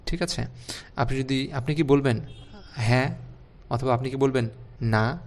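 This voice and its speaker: A man's voice: medium pitch, unhurried, darkish tone. A man teaching an online spelling lesson, explaining rules step by step and putting questions to his students. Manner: explains step by step, asks the class rhetorical questions.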